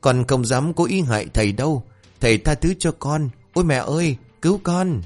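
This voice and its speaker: A man's voice: medium pitch, animated, quick pace, soft background music, lightly acted. A man voicing two foolish young male apprentices who plead and panic over their master. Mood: whiny, panicked.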